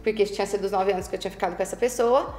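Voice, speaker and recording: A Brazilian woman in her forties with a Brazilian Portuguese accent, a guest telling her life story in a podcast interview, animated and emphatic, laughing often. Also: medium pitch, very fast. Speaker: guest, real estate broker. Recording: roomy sound with faint music.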